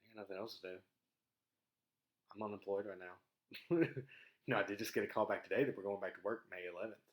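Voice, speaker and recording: A young man with a Southern US accent and a fairly low voice hosts a homemade podcast. He rambles casually in everyday slang, easygoing and self-deprecating, speaking into a microphone in a small home studio. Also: brisk. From Mississippi, southern US. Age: young adult. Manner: laid-back, slangy, chuckles at himself. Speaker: podcast host. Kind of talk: casual rambling vlog chat. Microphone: dedicated podcast microphone.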